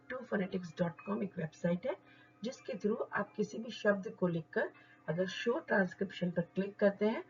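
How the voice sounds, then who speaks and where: Woman teaching a lesson, spells out words slowly, kinda muffled sound. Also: mid-range voice, darkish tone. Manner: slow deliberate word-by-word modelling of stress. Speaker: English teacher. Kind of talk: explanatory lesson.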